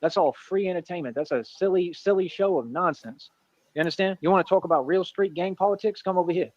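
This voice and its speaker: Brief: man, 30s, rapid boastful trash talker, slightly high voice, dry close sound. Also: a little mellow, no echo, lo-fi sound. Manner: brash, repetitive, taunting. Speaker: streamer in a played clip.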